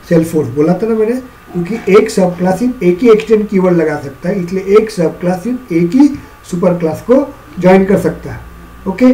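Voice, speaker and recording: A man's voice: high-pitched, mellow, poor audio. A male teacher giving a classroom programming lecture in a mix of Hindi and English, often checking whether the students understand. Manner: repeats questions to check understanding.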